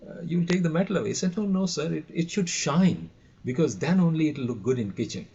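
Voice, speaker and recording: Fast and lively, with a slightly high, warm, husky voice, a middle-aged or older man with an Indian accent answers interview questions. He's a podcast guest who trains people in audio and radio, and he tells anecdotes while repeating phrases for emphasis, heard through dull, lo-fi call audio.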